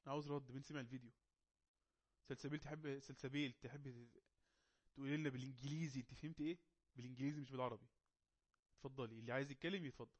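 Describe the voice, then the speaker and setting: A man with an Egyptian Arabic accent running an online English class, coaxing and teasing quiet students to speak up. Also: medium pitch, steady tone, rapid-fire. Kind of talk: casual online class moderation.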